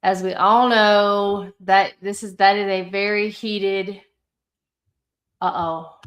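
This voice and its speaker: A woman chatting casually as a livestream host, halting and distracted, her speech slightly impeded by a swollen tongue. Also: medium pitch, fairly even intonation, fairly bright tone. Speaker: livestream host commenting on trials.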